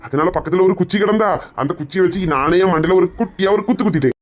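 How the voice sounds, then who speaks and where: A man's voice: high-pitched, quick pace, muffled recording, slight background noise. A man with a playing a sheepish husband in a comedy skit, rattling off excuses.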